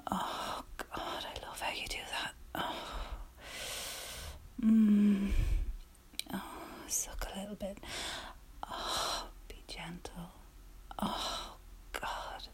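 A young woman leaving an intimate voicemail in a hushed, breathy whisper with soft laughs, close to a phone mic. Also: medium pitch, steady tone, drawn-out words, pauses often.

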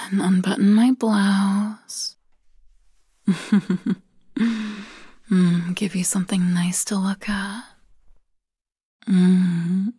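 Woman, whispered ASMR roleplay, breathy, humming and sighing, dry close mic. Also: medium pitch, no echo. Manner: soft murmuring whisper with hums and sighs. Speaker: roleplay narrator.

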